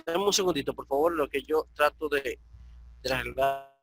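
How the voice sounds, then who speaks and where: A man's voice: medium pitch, moderate pace, gravelly, rough recording. A man from the Dominican Republic teaching an online Koine Greek class, explaining patiently and often checking in with his students. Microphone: computer mic on an online call.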